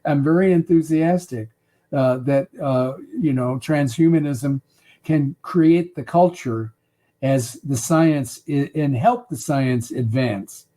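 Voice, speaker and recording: A man in his eighties answering interview questions in a halting way, full of filler sounds and restarts. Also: mid-range voice, dark tone. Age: 80s. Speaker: interview guest.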